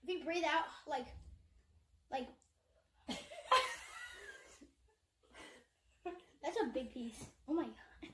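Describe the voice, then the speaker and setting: High-voiced chatty young woman vlogger. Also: moderate pace, long pauses, very noisy. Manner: chatty, giggly, reacting to spicy food. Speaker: vlog host. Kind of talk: casual challenge video.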